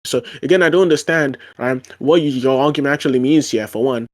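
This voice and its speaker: Talking fast in a mid-range voice, this man pushes his argument in a casual online debate, stumbling through frequent fillers and restarts.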